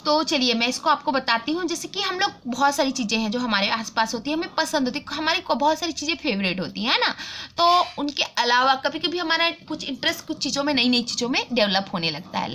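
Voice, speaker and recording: A woman's voice: high-pitched, animated, brisk, hardly any pauses, bright, forceful tone, a little hiss or hum. A woman teacher explaining English words and their meanings, mixing in Hindi and checking in with her students. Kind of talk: online class lesson.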